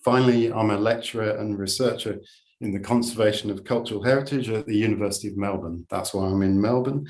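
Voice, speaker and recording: A man with a fairly low voice describes his research work at an online panel. He explains it fluently and steadily, and he is heard over a video call. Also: fast talker, a little mellow. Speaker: lecturer and researcher. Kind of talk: online panel self-introduction.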